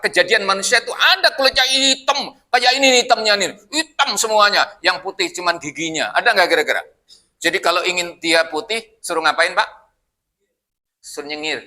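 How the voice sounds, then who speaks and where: A man's voice: high-pitched, pushed and bright. A man preaching at a mosque study session, joking and asking his congregation questions in a loose, conversational way. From Indonesia. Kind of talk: Quran study sermon.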